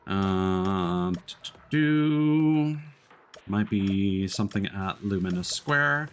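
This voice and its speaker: Over background music, a man casually livestreams a video game, narrating what appears on screen and reading the dialogue aloud. His voice is lowish and expressive, and he speaks extremely slowly.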